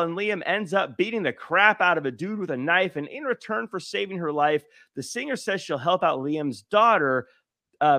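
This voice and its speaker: A man hosts a casual movie review podcast, telling the story with lively swings in pitch and frequent laughing restarts. His voice sits a little high, recorded on a close, dry mic. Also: no echo. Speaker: podcast host.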